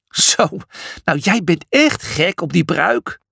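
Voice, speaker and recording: A man's voice: high-pitched, expressive, slow, gravelly, a bit bright, slightly rough, no room sound, clean studio sound, pitched above the performer's own voice, full character voice. Man doing a nervous, worried male zebra. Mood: anxious. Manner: worried and pleading. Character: anxious cautious male zebra brother.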